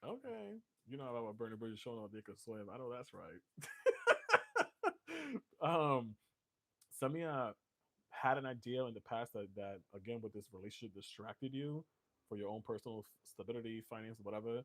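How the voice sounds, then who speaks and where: A man's voice: medium pitch, expressive, normal speed. Joking, loose-talking man reading tarot. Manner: loose, joking, swears, laughs often. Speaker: tarot reader.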